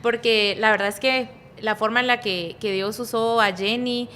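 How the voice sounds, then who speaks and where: A woman's voice: on the high side, fairly even intonation, moderate pace, a little hiss or hum. A woman pastor with a Guatemalan accent, talking casually on a podcast, rambling and interrupting herself, often ending phrases with little tag questions. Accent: Guatemalan Spanish. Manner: describes herself as speaking softly but energetically. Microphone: studio podcast microphone, kept at a distance.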